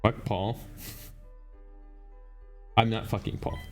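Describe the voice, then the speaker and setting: A man's voice: lowish voice, little pitch movement, slow, faint music behind. A man giving casual, joking let's-play commentary, swearing and rambling as he plays.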